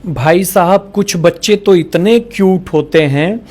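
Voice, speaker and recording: A man's voice: high voice, measured pace, darkish tone, a little hiss or hum. A man reading out a string of jokes and acting out the quoted lines. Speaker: joke teller.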